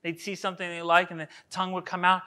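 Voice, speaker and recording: A man preaching a sermon with a bright, forward tone. He talks to his congregation casually, tossing out rhetorical questions and slipping into playful voices for everyday quotes. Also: high voice, quick pace, smooth. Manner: lively, conversational, full of rhetorical questions. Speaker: pastor. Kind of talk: expository sermon.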